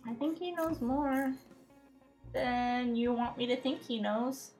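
A woman's voice: a little high, slow, darkish tone, soft background music. A woman playing a tabletop game in character, pressing with probing questions. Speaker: player.

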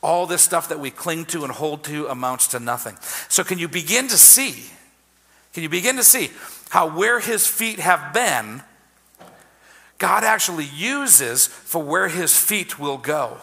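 Guy preaching, kinda high voice, chatty, keeps repeating himself, big echoey church reverb. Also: expressive, measured pace, bright, forceful tone. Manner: conversational preaching with repeated phrases. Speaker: pastor. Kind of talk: sermon. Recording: long hall reverb.

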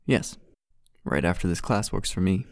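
A man's voice: low voice, lively intonation, normal speed, vocal fry, no echo, studio quality. An actor playing a young male art student who teaches, wry, blunt and self-possessed in an audio drama. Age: young adult.

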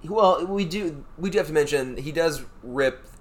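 A man's voice: a little high, moderate pace. A man co-hosting a podcast in casual chat, often hesitating and restarting his sentences. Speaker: podcast co-host.

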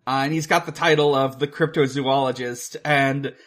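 A podcast co-host with a mid-range, slightly bright voice chats casually about films and video games. He speaks at normal speed with fairly even intonation, hesitantly and with lots of filler words.

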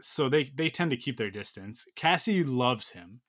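A man's voice: medium pitch, lively intonation, unhurried, fairly bright tone. A man in his thirties telling a long personal story in casual chat, full of fillers and restarts. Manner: rambling, filler-heavy storytelling.

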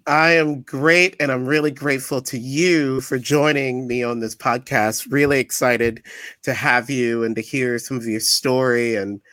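A man's voice: medium pitch, fairly even intonation, a little slow, pushed and bright, no echo. A man hosting a podcast, friendly and upbeat as he introduces and questions his guest. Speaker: podcast host.

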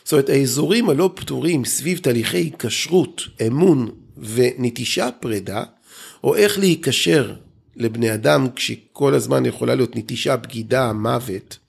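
A man's voice: medium pitch, creaky, breathy edge. A man, a group therapist and guest, explaining things thoughtfully in conversation and often restarting his sentences.

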